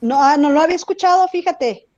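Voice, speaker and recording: Teacher, woman, higher voice, casual lecturing, dull video-call sound. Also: fast, crowd noise. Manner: conversational, asks students if they follow. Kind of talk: online class lecture.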